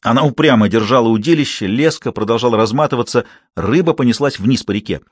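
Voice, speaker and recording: A man narrating an audiobook in a steady, even reading voice. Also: mid-range voice, fast, slightly rough, dry recording. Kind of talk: scripted narration.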